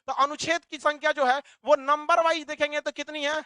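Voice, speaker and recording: A male teacher lecturing a classroom, animated, asking the class questions and answering them himself. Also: extremely high pitch, a little fast, no echo.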